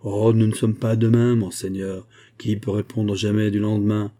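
A man's voice: on the low side, level tone, moderate pace, mellow, lightly acted. A man reading as a shrewd musketeer captain. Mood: courteous. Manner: polite and evasive. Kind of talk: audiobook character reading.

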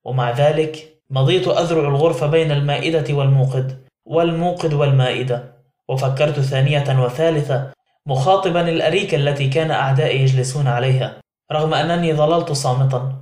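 A man's voice: fairly high pitch, steady tone, fast, a little mellow. A man narrating a novel in the first person as an audiobook, in a dramatic reading style. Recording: roomy echo.

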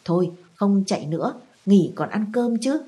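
A woman voicing an old male family servant who gently coaxes a child. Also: mid-range voice, animated, moderate pace, breathy edge. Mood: coaxing. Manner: gently coaxing.

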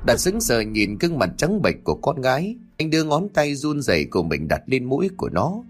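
Guy reading a spooky story, voice goes up and down a lot, soft music behind. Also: mid-range voice, sing-song, brisk. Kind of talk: scripted audio story narration.

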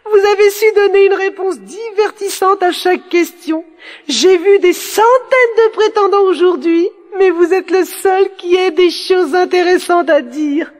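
A man voicing an impatient young princess in a storybook reading, shrill and theatrical. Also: measured pace. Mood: delighted. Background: music bed.

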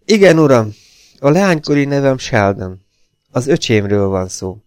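A man's voice: medium pitch, sing-song, a little mellow, clear, resonant tone, no echo, studio quality, pitched above the performer's own voice, lightly acted. A man reading an audiobook, voicing a frightened middle-aged housekeeper woman who pleads anxiously for her family. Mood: confessing.

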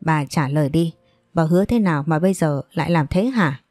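A woman's voice: low voice, a little fast, darkish tone, dry recording, clean studio sound, soft background music. A woman doing a frantic, hot-tempered young woman. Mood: furious.

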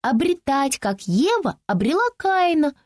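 A woman reads aloud as a small, earnest girl with prim, old-fashioned phrasing, pitched high above an ordinary speaking voice. The lines leap up and down in lively swings. The booth is dry, with no room sound. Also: unhurried, dry recording. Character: small bookish girl, earnest and easily hurt. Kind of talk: audiobook character voicing.

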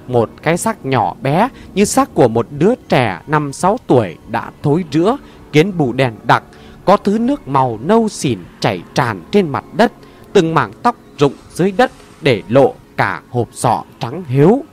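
A man narrating a scripted story in a dramatic, expressive way. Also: medium pitch, moderate pace, a little hiss or hum. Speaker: audiobook narrator.

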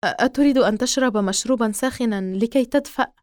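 A woman's voice: fairly high pitch, fast, darkish tone, dry recording, clean studio sound, close to an everyday voice. A woman reading an audiobook voices a worried young man who talks urgently and tries to reassure.

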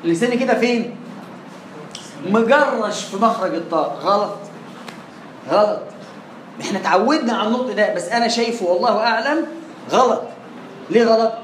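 This classroom Quran recitation lesson features an Egyptian-accented man with a high-pitched voice, talking a little fast but pausing often. He drills pronunciation and asks questions only to answer them himself. Faint background noise and echo fill the room.

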